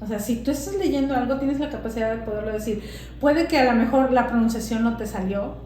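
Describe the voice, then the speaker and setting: A woman, a guest English teacher, explaining with examples in a casual interview and pausing to find her words. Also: a little high, warm tone. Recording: very echoey room with faint noise.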